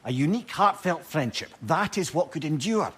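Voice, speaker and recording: Mimir, a lively, wistful Scottish old advisor. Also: male voice, fairly high pitch, normal speed, husky. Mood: reflective. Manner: lyrical, wry, conversational. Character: witty, wistful old male advisor reminiscing about love. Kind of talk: storytelling video game dialogue. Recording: ambient noise behind voice.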